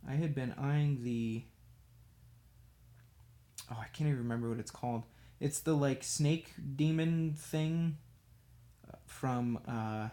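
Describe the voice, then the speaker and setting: A man with a somewhat high, slightly mellow voice chats on a livestream while painting miniatures. He rambles and makes fun of himself, talking absent-mindedly as the brush keeps working.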